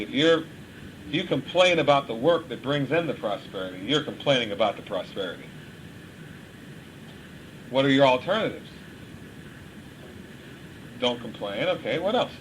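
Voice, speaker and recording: A man teaching a couples class from the Bible, speaking to a live group in a lively, chuckling way and acting out everyday voices. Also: mid-range voice, slight background noise, low-quality recording.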